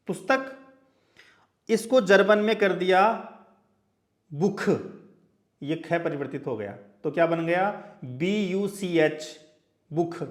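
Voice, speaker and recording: A male teacher giving a lecture, who spells out example words letter by letter and keeps checking in with his listeners. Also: high-pitched. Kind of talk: classroom lecture.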